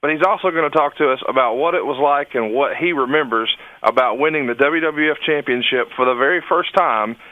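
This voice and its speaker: A man's voice: medium pitch, brisk, hardly any pauses, no room sound, narrow, tinny audio. A man co-hosting a podcast, explaining things conversationally and prompting his partner with questions. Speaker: podcast co-host.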